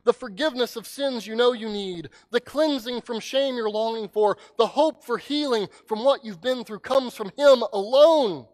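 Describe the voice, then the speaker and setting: A man preaching a sermon as pastor, telling a story dramatically and swinging from loud cries to hushed words. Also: high voice.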